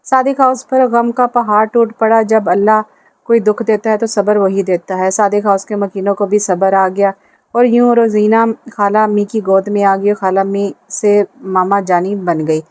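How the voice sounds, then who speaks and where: A woman's voice: medium pitch, fairly even intonation, moderate pace, darkish tone. A woman with a Pakistani Urdu accent, narrating a romance novel and reading every character's lines in much the same plain voice. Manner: reads all characters in a plain voice with little change.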